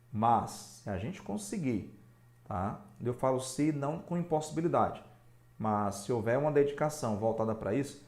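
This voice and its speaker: A man's voice: medium pitch, dark tone. A male teacher with a Brazilian Portuguese accent explains spelling rules and keeps checking in with the viewer. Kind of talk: recorded spelling lesson. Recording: echoey room.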